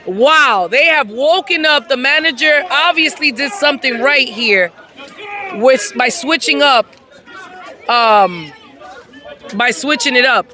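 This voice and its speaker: A bright, high-voiced woman commentator calls an amateur softball game outdoors at the field. She talks at an unhurried pace but bursts into excited shouts at every big hit, with a few fans faintly heard behind her. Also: some chatter behind. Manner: excitable, hyping the action with shouts. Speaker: play-by-play commentator.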